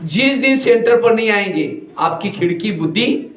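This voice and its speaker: A man's voice: sits high, expressive, moderate pace, fairly bright tone, echoey room, rough recording. A man giving a spiritual talk to a village congregation, telling plain stories and asking the audience questions. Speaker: spiritual teacher.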